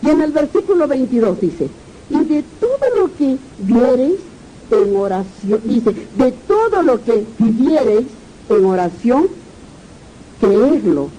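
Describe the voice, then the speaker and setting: Woman pastor, peruvian accent, slow sermon, voice goes up and down a lot. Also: on the high side, very animated, dark tone, slight background noise, rough recording. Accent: Peruvian Spanish. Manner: rereads verses aloud, asks the congregation questions. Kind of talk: sermon reading scripture.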